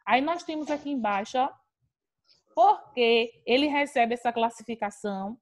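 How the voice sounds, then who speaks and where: A woman's voice: a little high, moderate pace. A woman teacher with a Brazilian accent, patiently explaining grammar in an online class and repeating key terms.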